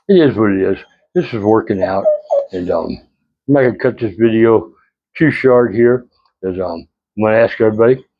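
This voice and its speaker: A man's voice: fairly low pitch, husky, highs cut off. An older retired man vlogging in a casual, rambling way, telling folksy stories with chuckles and repeated phrases.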